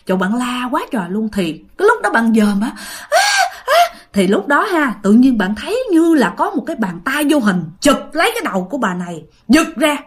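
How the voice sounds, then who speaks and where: A woman spins a ghost story in a chatty, conversational style, repeating phrases and calling out to her listeners. Her voice is high and very lively, leaping up and down in pitch. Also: fairly quick, hardly any pauses. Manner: animated, repetitive, addresses listeners directly.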